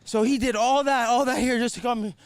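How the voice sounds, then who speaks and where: A man's voice: extremely high pitch, steady tone, brisk, smooth, dry recording. A man, an athlete out of breath after a match, enthusiastically praising his opponent.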